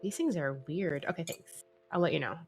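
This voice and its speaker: A woman with a deep, husky voice talks fairly quickly while hosting a live drawing stream, chatting casually, laughing a lot and swearing freely. She sounds a bit sniffly from a head cold, and soft music plays in the background.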